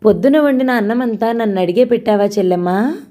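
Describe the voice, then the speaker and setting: A woman's voice: fairly high pitch, a little fast, warm tone, voice pushed up, close to an everyday voice. A woman voicing a domineering elder sister-in-law who talks in a mocking, sarcastic way.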